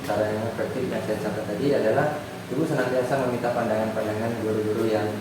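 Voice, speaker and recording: A man's voice: on the low side, fairly even intonation, fast. A man conducting an interview, summarizing answers and asking follow-up questions with frequent agreement. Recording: echoey room, far from mic, noisy.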